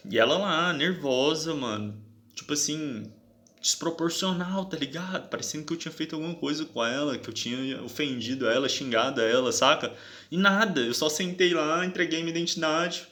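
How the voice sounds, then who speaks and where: A man's voice: a little high, a little fast, pushed and bright. A young man tells his story casually to viewers, in an aggrieved, slangy way, and keeps checking "sabe?".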